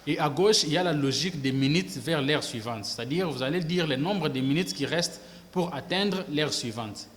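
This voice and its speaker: A man giving a language lesson to camera, slow and careful, repeating phrases to model pronunciation. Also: on the high side, fairly bright tone, faint music behind. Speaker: English teacher. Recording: long reverb with faint background noise.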